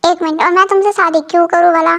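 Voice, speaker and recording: A woman's voice: very high-pitched, little pitch movement, fast, creaky, fairly bright tone, heavily acted. A woman voicing a feisty young female waiter who talks back sharply and defiantly.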